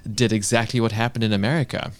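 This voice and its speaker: A man from South Africa talking thoughtfully in a casual conversation, with soft laughs between his points. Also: on the low side, steady tone, fast.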